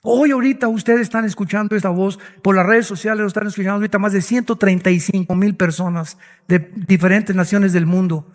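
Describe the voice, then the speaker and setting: A man's voice: sits high, steady tone, fairly quick, big-room sound. A male pastor preaching a dramatic sermon full of rhetorical questions.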